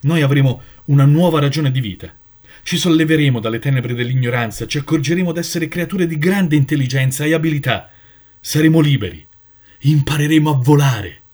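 A man's voice: on the high side, fairly quick, darkish tone, lightly acted. A man reading aloud, voicing a young idealistic male seagull who pleads with impassioned conviction. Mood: hopeful.

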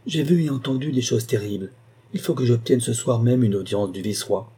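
A man's voice: medium pitch, a little fast, mellow, husky, natural voice. A man voicing a brave young peasant girl, speaking earnestly and a little breathlessly. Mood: urgent.

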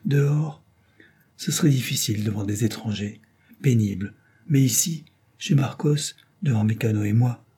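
A gentle young woman with a soft, velvety, soothing way of speaking, in a storybook reading, as a male reader puts her on. The tone stays mellow and slightly husky. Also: mid-range voice, moderate pace, lightly acted. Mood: consoling.

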